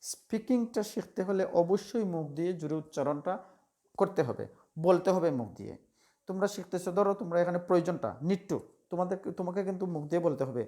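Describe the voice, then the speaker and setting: A man's voice: sits high, expressive, fast, mellow. Male tutor, chanting word lists, loose rambling delivery. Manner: repeats word lists aloud, drills students; rambling, with fillers and self-corrections. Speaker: English teacher. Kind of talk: spoken lesson over slides.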